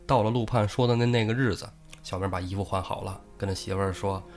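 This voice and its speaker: A man's voice: lowish voice, steady tone, quick pace, faint music behind. A man, hosting and telling a comic story in a chatty, joking crosstalk way. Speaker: host.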